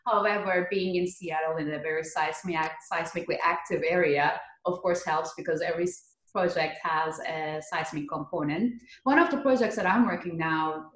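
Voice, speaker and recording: Speaking with a Turkish accent, this thirty-something woman from Turkey guests on a podcast as a geotechnical earthquake engineer, chatting through her interview answers. Her deep, fairly bright voice moves at a normal speed. The video call, picked up by her computer mic indoors in her living room, has a roomy echo.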